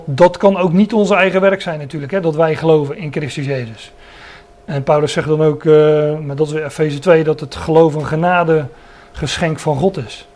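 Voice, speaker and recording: Male preacher, earnest verse-by-verse teacher, somewhat raised pitch. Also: darkish tone. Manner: earnest, stresses key words, many restarts. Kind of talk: Bible teaching sermon.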